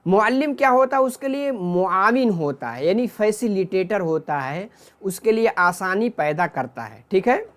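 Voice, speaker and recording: A man's voice: sits high, animated, normal speed, fairly bright tone. A man teaching an exam-prep class, explaining step by step, often checking in with listeners and restating terms in Urdu, Hindi and English.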